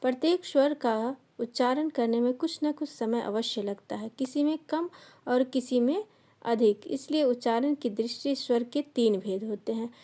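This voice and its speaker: A woman teaching a grammar lesson, slowly dictating definitions and listing sounds and example words one by one. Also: fairly high pitch, warm tone. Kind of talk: slow classroom grammar lesson.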